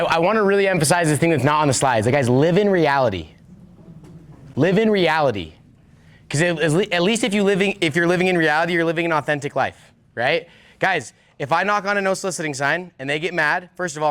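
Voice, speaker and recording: Fast-talking energetic man training salespeople. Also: fairly high pitch. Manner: emphatic, repeats points, acts out door-to-door dialogues.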